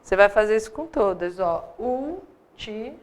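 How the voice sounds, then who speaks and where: A woman's voice: medium pitch, moderate pace. A woman with a Brazilian accent teaching a live online grammar class, in a conversational manner with many rhetorical questions. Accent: Brazilian Portuguese. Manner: conversational, asks rhetorical "né?" often.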